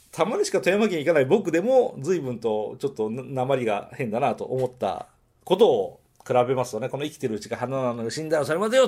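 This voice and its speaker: A man from Nagoya talks through a film review on his podcast in a loose, casual monologue. His pitch rises and falls freely, and he drifts off on tangents and corrects himself mid-sentence. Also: darkish tone. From Nagoya, Japan. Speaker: podcast host reviewing films.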